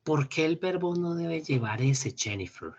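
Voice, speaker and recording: A man teaching an English class over a video call, explaining in Spanish and slowly modeling English phrases. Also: fairly high pitch, animated, darkish tone. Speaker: English instructor. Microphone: computer mic on a video call. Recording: dull lo-fi meeting recording.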